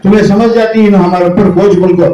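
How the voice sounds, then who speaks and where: A man's voice: high-pitched, fairly even intonation, quick pace, mellow, roomy sound, dull audio. A man giving an earnest public speech at a school function, urging parents to educate their children. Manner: earnest, exhorting, repetitive pleading. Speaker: school society speaker at prize distribution.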